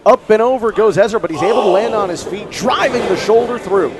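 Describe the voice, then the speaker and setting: A man's voice: high voice, fairly quick, over loud music. A man calling live pro wrestling as the lead play-by-play commentator, with dramatic announcer phrasing. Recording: loud crowd behind the voice. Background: noisy live wrestling crowd.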